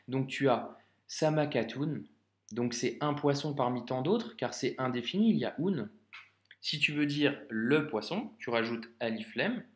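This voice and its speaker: A man's voice: fairly high pitch, reverberant. A man giving a patient, step-by-step reading lesson, talking straight to the learner and checking often that they follow. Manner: patient, addresses the learner directly with frequent checks. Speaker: Arabic reading teacher.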